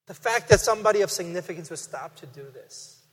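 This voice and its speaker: A middle-aged man delivers a sermon in a lively, conversational way, pushing key phrases up with emphasis. His voice sits high for a man. The sound carries the long reverb of a church sanctuary. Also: a little fast, husky. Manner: animated, conversational preaching with emphatic rises. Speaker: guest preacher. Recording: reverberant hall.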